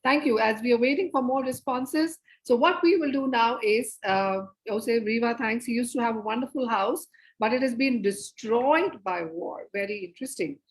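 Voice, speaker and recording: Brief: woman, theatre facilitator on a video call, lively and coaxing, slightly higher voice. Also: normal speed, rough recording. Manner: lively, coaxing audience participation. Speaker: theatre educator and presenter. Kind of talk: interactive online workshop facilitation.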